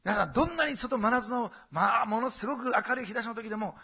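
A middle-aged male pastor preaching a sermon, swelling loud and emphatic, then dropping to quiet asides. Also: very high-pitched, animated, fast talker, slightly rough.

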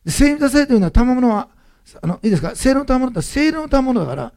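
A man pastor, giving an animated, emphatic sermon that repeats key phrases. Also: extremely high pitch, racing.

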